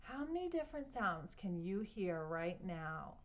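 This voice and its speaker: A woman at home reading a picture book aloud to children, gently stopping to ask them questions. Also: on the low side, sing-song, measured pace, highs cut off. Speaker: children's story reader.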